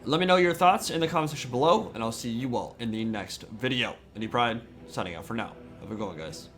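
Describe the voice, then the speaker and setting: A man delivering scripted gaming commentary as a video host, in articulate, measured, wordy phrasing. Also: medium pitch, a bit bright, faint music behind.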